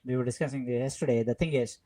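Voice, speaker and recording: A man's voice: medium pitch, fairly even intonation, warm tone. Easygoing man in casual tech chat. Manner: easygoing, quick to laugh, filler-heavy. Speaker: podcast co-host.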